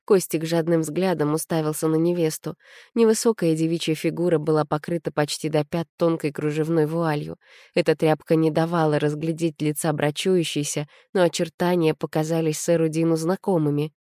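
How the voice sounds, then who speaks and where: A woman reads an audiobook in an even, storytelling manner. Her voice sits low, and the sound is dry and close. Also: a little fast, no room sound. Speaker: narrator. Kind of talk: audiobook narration.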